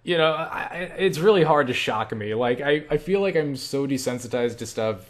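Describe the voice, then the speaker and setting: Fielding questions from viewers, this young man rambles casually and pokes fun at himself, acting out quotes in lively asides. He speaks at a moderate pace with a medium-pitched voice.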